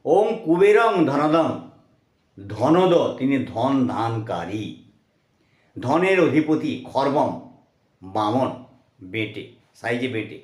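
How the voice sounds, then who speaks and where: Slow-chanting teacher, roomy echo. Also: male voice, medium pitch, sing-song. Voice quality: slow drawn-out chanting alternating with quick explanation. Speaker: teacher explaining Sanskrit mantras. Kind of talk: chanting mantras slowly, then explaining.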